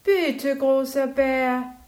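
A high, bright little bear cub from a bedtime storybook, eager and playful, pleading to get its way, as a woman reader puts it on. The voice sits well above the reader's own and moves in a slow, drawn-out way. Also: steady tone.

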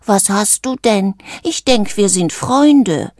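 A woman reading a storybook aloud, voicing a gentle young female stork with a slow, soft, plaintive manner. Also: medium pitch, animated, dry recording, clean studio sound.

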